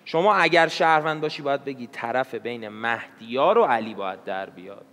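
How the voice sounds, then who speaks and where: Lively, insistent male contestant. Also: medium pitch. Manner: insistent, defensive. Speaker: game show contestant. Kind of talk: heated argument in a party game. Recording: reverberant studio.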